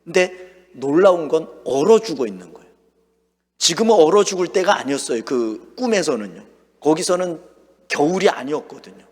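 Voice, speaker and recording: A pastor telling a dream story in a sermon, acting out his own words and shouts. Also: a little high, expressive, normal speed, slightly rough. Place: church sanctuary. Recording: long hall reverb.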